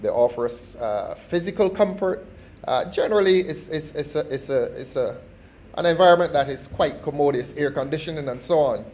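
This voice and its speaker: A middle-aged man with a Barbadian accent gives a formal parliamentary speech, measured and deliberate, often restarting his phrases. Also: on the high side, expressive, darkish tone. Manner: measured and formal, with repeated false starts. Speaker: member of parliament.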